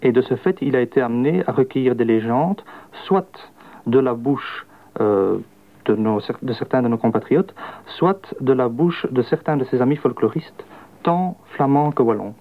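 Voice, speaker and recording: A man, a radio interview guest explaining in a measured way. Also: mid-range voice, lively intonation, narrow, tinny audio. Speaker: guest adapter of a book.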